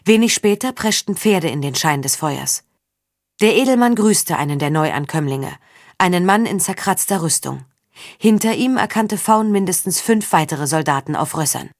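A woman reading a story aloud as an audiobook narrator, steady and even. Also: on the low side, moderate pace, no echo, studio quality. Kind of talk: scripted narration.

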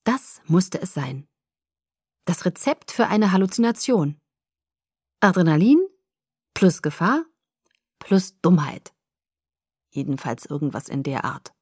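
A woman's voice: lowish voice, sing-song, takes it slowly, pauses often, darkish tone, husky, no room sound, studio quality. Woman reading a novel aloud. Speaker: audiobook narrator. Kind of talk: first-person audiobook narration.

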